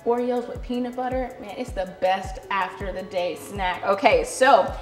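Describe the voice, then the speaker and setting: A woman's voice: mid-range voice, moderate pace, faint music behind. A young woman co-hosting a TV cooking show in a studio, bubbly and enthusiastic, laughing often, on a lapel mic. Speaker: co-host. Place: TV studio set with city backdrop.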